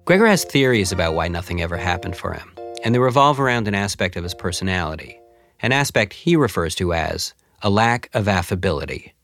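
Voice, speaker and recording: Male host, lowish voice, curious interviewer, faint music under the narration. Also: animated, brisk, creaky, a bit bright. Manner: curious, probing questions.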